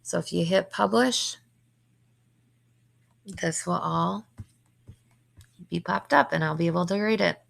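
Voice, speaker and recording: A young woman teacher, hoarse today, talking quickly and casually through a step-by-step computer tutorial for her students. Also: fairly low pitch. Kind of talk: screen-recorded classroom tutorial.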